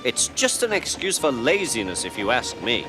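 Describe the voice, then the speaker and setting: A man's voice: mid-range voice, very animated, moderate pace, natural voice. A man voicing a cheeky, impatient young male tank engine, boastful and scolding, over a storybook music bed. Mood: scornful.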